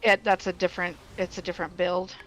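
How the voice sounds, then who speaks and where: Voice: medium pitch, level tone, fast, highs cut off, music in the background. A player healing for a group, laughing easily and apologizing for slip-ups in casual game chat.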